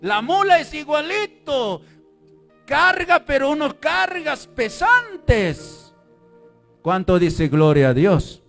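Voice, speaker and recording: A male pastor preaching a fervent sermon, breaking into shouts and calling on the congregation to repeat words after him. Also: very high-pitched, wildly swooping pitch, slow pace, soft background music.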